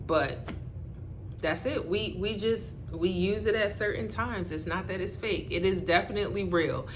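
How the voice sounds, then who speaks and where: Candid Bajan-accented woman over rumbly noise. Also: moderate pace. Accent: Bajan, switching with American. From Barbados. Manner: animated, candid, acts out quotes, salty language. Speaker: storyteller vlogger. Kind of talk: casual storytime chat.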